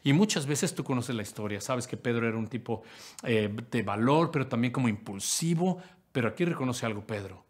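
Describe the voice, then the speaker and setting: A man preaching a sermon in a husky, slightly breathy voice at an ordinary middle pitch. He addresses the listener directly with questions and moves from forceful lines to near-whispers. His delivery is dramatic and earnest. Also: animated, fairly quick. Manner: dramatic, acts out quotes in swings from loud to hushed. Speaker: pastor.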